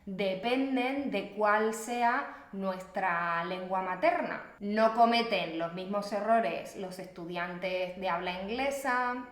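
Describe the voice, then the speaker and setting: A woman's voice: mid-range voice, slow, few pauses. A young adult woman from Extremadura in Spain with an Extremaduran accent, a Spanish teacher talking in a chatty, playful and self-mocking way. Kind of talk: casual teaching video. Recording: echoey room.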